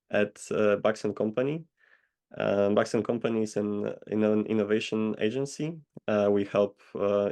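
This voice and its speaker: A man answers interview questions over a video call, slow to find his words and pausing often. His voice sits low and gravelly, and the pitch stays flat throughout. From Poland. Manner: measured, hesitant with many pauses. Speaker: guest consultant.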